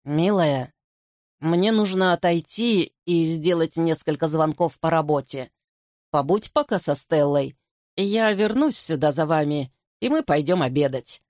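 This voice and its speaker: A gentle, worried father from an audiobook, speaking low and a little strained, as a woman reading voices him. His lines are dry and close, with little room around them. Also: lively intonation, measured pace, no echo. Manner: strained, subdued.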